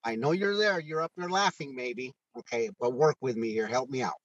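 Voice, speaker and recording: An older Mexican man, a retired first sergeant in his sixties, is interviewed candidly over phone-call audio. He comes across as heartfelt and earnest yet halting, often restarting and filling pauses. His pitch is medium, and the sound quality is lo-fi.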